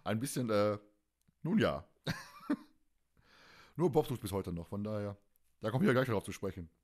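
With a lowish, animated voice at normal speed, a man co-hosting a podcast runs through the plot of an audio drama. His talk is loose and colloquial, rambling and frequently circling back over its own phrases.

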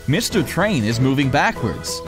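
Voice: medium pitch, big pitch swings, measured pace. A narrator for a preschool cartoon, explaining things in simple, instructive short sentences. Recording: music bed under the voice.

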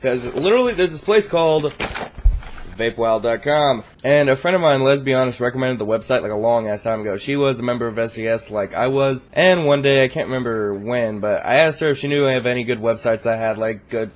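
A man's voice: medium pitch, a little fast. A man hosting his gaming channel, giving casual, rambling gameplay commentary full of profanity. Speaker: YouTube gaming channel host.

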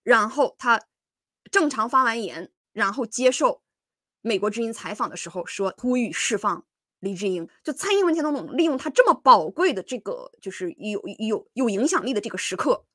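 A woman's voice: fairly high pitch, expressive, normal speed, fairly bright tone, dry recording, studio quality. A woman hosting a livestream of political commentary, talking casually with many fillers and restarts and breaking into scolding asides.

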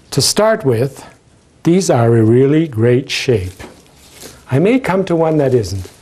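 Lively, emphatic man demonstrating flower care. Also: medium pitch, slight background noise. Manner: emphatic, jokey, talks to the viewer. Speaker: wedding floral consultant. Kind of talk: hands-on demonstration.

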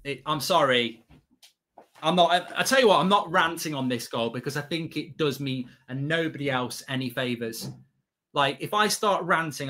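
Sharp, forceful football fan host ranting. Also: male voice, medium pitch. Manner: exasperated, emphatic, repetitive, swearing. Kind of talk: live match reaction rant. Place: small indoor studio set at a desk.

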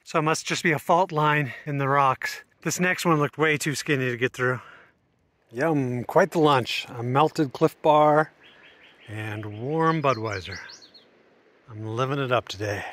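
A middle-aged hiking vlogger chats casually and jokingly to a handheld action camera held at arm's length, exclaiming as he goes through sandstone river canyons. His mid-range voice is a bit bright, his pace measured, and there's no echo.

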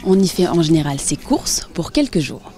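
A young woman presenting and interviewing with a clear, friendly delivery, recorded outdoors on a handheld mic. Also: low voice, big pitch swings, moderate pace, dark tone. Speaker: host and street interviewer. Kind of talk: scripted presenting and street interviews.

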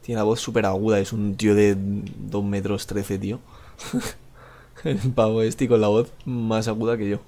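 Lowish, dark and flat, this man's voice moves a little slowly with vocal fry. He's a gamer with a Spain Spanish accent giving live gameplay commentary, rambling, mocking himself and cursing a lot.

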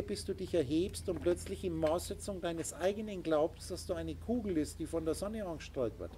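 A man's voice: on the high side, warm tone. A man lecturing a small group as their spiritual teacher, emphatic and insistent, with faint noise behind him. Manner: emphatic, lecturing, with sound effects.

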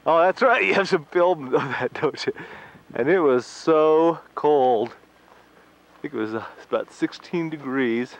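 A man's voice: on the high side, measured pace. A man casually narrating a home video outdoors on a rural property, pointing things out as he tours his land, heard through an old camcorder mic. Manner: chatty, points things out while touring. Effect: old camcorder audio. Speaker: homeowner filming his property. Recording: dull lo-fi camcorder sound with faint hiss.

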